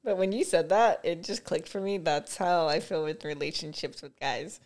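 A woman's voice: on the low side, moderate pace, darkish tone. A woman hosting a podcast, chatting casually and thinking aloud in a reflective way. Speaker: podcast host.

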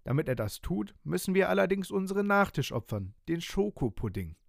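A man lifting his voice into a clever kindergarten teacher woman from a storybook, bright, coaxing and lively. Her tone rises higher than the narration and stays dry and close to the mic. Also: brisk, creaky, no echo, heavily acted. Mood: plotting.

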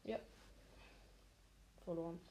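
A woman giving casual, low-key, mildly grumbling commentary on her own gameplay. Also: slow, dark tone, a little hiss or hum. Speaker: gamer commentating own play.

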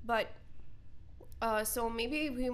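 A young woman co-hosting a casual podcast, animated and talking straight to her listeners. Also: on the high side, slow pace, smooth. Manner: animated, addresses listeners directly. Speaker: podcast co-host.

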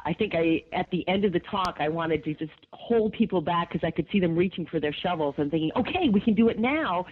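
Gravelly lady gardener on a tinny phone line, chatty, lots of ums. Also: low-pitched. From upstate New York. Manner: chatty, enthusiastic, many fillers. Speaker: garden expert guest. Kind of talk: casual radio interview.

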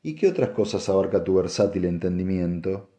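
A tired old commodore with a dry, sarcastic bite, as the male narrator voices him. The voice stays low and mellow, close to the reader's own. It is slow and weary, even when it sounds spiteful. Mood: sardonic. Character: aging, tired commodore, sour and sardonic.

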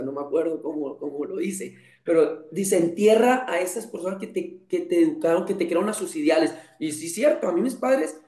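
A man's voice: sits high, dark tone, roomy sound. A man talking as a guest in a casual conversation, earnest and reflective, often stopping and restarting his sentences.

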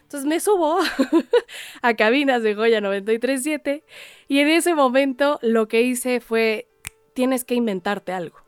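A woman's voice: sits high, a little slow, clean tone, no echo. A young woman, hosting an interview and telling an anecdote animatedly, acting out quoted voices. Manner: lively, acts out quoted voices, laughs often.

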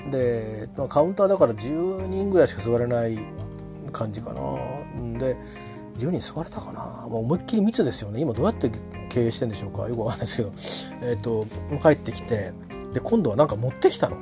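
A man's voice: mid-range voice, expressive, quick pace, gravelly, music in the background. A man telling a casual anecdote in a rambling way, full of fillers and restarts.

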